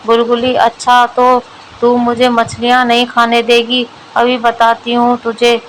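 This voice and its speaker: A woman reading a storybook aloud, voicing a lazy, greedy young village wife in a flat, even way. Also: on the high side, measured pace, slight background noise, close to an everyday voice, rough recording. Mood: threatening.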